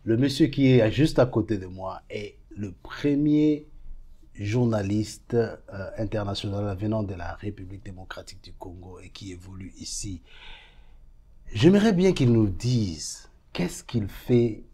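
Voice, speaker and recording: A man's voice: lowish voice, expressive, a little slow, dark tone, slightly rough. Man hosting an interview, chatty. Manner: frequent affirming interjections, addresses the audience directly. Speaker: talk show host. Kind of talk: casual interview chat.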